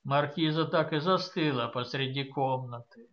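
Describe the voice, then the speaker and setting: A woman narrating a literary audiobook in a measured, expressive reading. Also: a bass voice, lo-fi sound.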